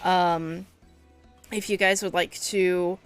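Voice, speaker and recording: A woman's voice: fairly low pitch, steady tone, takes it slowly, smooth, soft background music. A young woman streamer chatting casually on a live stream, venting in frustrated, swearing rants.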